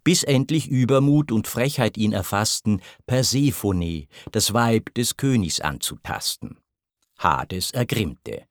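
Slow, solemn male verse narrator. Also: on the low side, animated, dry recording, clean studio sound. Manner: measured, solemn.

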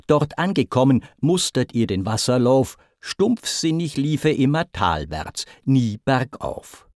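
A man recites epic verse slowly and theatrically, his voice rising and falling through a wide, animated range. The sound is dry and close to the mic, with no room around it. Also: mid-range voice, no room sound. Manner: measured, theatrical recitation with swelling emphasis. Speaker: narrator. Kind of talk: dramatic reading of German epic verse.

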